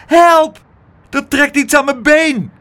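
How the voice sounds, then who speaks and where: A man doing a shrill little girl. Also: huge pitch swings, normal speed. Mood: screaming. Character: bold little girl, shrill when scared.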